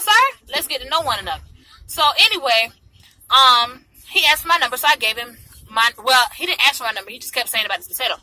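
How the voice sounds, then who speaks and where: A woman tells a story casually from her car, with a very bright, forceful voice that moves quickly. A tongue piercing gives her a slight lisp. Her delivery is sassy, animated and full of slang. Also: on the high side. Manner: slangy, sassy, mimics others' remarks. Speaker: vlogger telling a personal story. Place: inside a car in traffic. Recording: noisy car interior in traffic.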